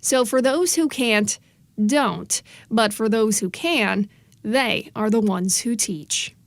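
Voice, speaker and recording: Dry, fairly high-voiced woman news reporter. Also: slow pace, no echo. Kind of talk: scripted news narration.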